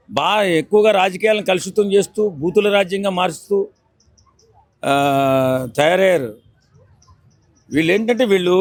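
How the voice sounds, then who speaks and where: A man scolds in a street interview, lecturing and circling back to the same points. His voice sits high for a man. The recording is dry, with no room around it. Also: no room sound. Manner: indignant, repetitive, lecturing. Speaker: member of the public interviewed.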